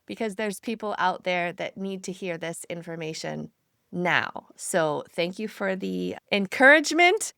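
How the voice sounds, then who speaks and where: A woman's voice: medium pitch, a bit bright, no room sound. Woman, podcast host, enthusiastic, effusive, dry close sound. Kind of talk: scripted intro then casual interview.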